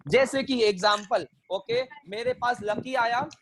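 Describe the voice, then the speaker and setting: High-voiced man teaching an online accounting class. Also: sing-song, measured pace, vocal fry, very noisy. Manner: mixes Hindi and English, repeats phrases and quizzes students; playful, joking with students.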